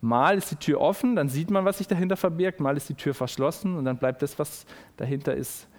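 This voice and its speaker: A man preaching a sermon, explaining slowly and repeating key phrases for emphasis. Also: on the high side.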